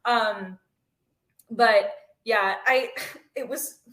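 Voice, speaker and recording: A woman's voice: on the high side, very slow, fairly bright tone. A woman guest on a podcast, chatting casually with lots of fillers and giggles. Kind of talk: casual chat. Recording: roomy echo.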